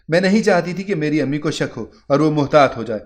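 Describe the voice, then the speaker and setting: A man's voice: a little high, expressive. Man narrating a moral story. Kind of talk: scripted first-person story narration.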